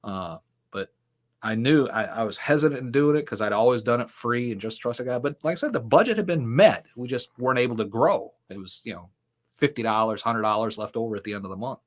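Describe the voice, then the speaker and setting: Brisk, medium-pitched and lively in intonation, a middle-aged ministry founder tells lengthy stories as an interview guest. He's a rambling, casual storyteller who uses many fillers and laughs from time to time.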